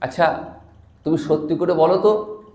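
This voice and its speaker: Calm kindly holy lord, a preacher doing him, fairly high voice, echoey room. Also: male voice, measured pace, natural voice. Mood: calm reassuring. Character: gentle, commanding male holy lord.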